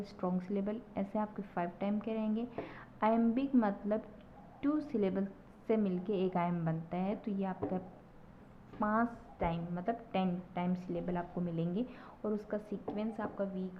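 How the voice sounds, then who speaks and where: A woman teacher slowly explaining poetry to a class, repeating key terms and often checking "okay?". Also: mid-range voice. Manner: slow, repetitive explaining with frequent checks of "ठीक है". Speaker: English literature teacher. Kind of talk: classroom lecture. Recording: dull lo-fi recording with faint noise.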